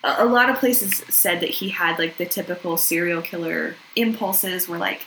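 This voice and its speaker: A young woman chatting through a true-crime podcast in a bright, clear voice. She swears freely, peppers her talk with "like" and "um" and keeps breaking into laughter. The room around her rings with echo. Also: lowish voice, moderate pace, a little hiss or hum. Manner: laughs often, swears, heavy "like" and "um" fillers. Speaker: podcast co-host. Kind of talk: casual true-crime chat. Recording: echoey room.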